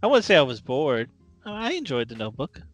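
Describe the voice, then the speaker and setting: A man's voice: on the high side, huge pitch swings, fairly quick, soft background music. A man co-hosting a movie podcast, asking teasing questions in casual chat. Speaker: podcast co-host.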